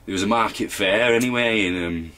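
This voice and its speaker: Man playing a young lout, very deep voice, rambling, mumbling, boastful, comedy interview. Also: a little fast, bright, forceful tone. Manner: rambling, mumbling, full of fillers. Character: dim, boastful young male lout, rough-mannered. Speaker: interview guest.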